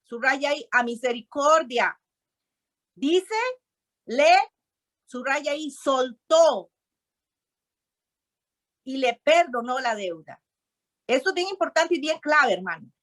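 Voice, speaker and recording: Woman preacher, reading verses slowly and pressing the congregation to pay attention. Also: high voice, lively intonation, fairly bright tone. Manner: reads verses slowly, stops to urge listeners to repeat and underline. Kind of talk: sermon reading scripture aloud.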